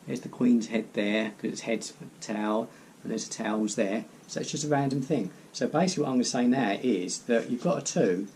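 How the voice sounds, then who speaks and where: A man's voice: mid-range voice, brisk, few pauses, a little mellow, a little hiss or hum. A man giving casual card magician patter as host, rambling step by step, repeating phrases and adding self-deprecating asides.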